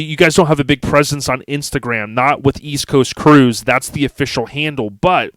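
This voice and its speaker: An American man hosts a podcast in a relaxed, enthusiastic way, often turning to address his audience directly. His voice sits at a medium pitch and the recording is very dry, with no room sound. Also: no echo. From United States. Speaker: podcast host. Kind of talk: casual chat.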